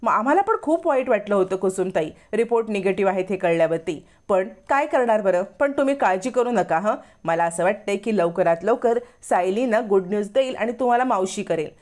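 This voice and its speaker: A woman's voice: medium pitch, lively intonation, fairly quick, hardly any pauses, darkish tone, natural voice. A woman voicing a curious, chatty mother of the house who asks questions and soothes.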